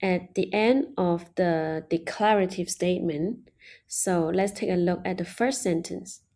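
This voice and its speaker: A woman leads an online language lesson at an unhurried pace. Her voice is soft and mellow, and she patiently explains each step. She slowly models every example phrase. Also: lowish voice. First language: Mandarin Chinese. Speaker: Chinese language teacher.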